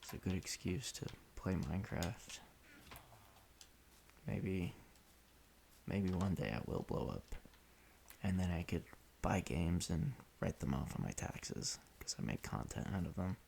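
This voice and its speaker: A man casually rambling in an offhand, deadpan way while he plays a video game, often restarting his sentences. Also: low voice, measured pace, gravelly, a little hiss or hum. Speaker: solo podcaster playing a video game.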